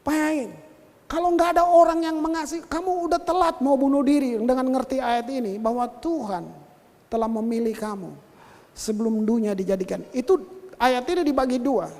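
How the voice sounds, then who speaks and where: A male pastor preaching a sermon, telling stories in an animated way and addressing his listeners directly. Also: very high voice, normal speed. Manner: animated storytelling, addresses listeners as brothers and sisters. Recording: long hall reverb.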